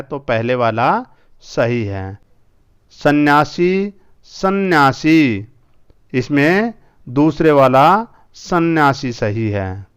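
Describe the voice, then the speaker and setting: A male teacher going through a school language lesson, repeating each word slowly two or three times. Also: medium pitch, clear, resonant tone.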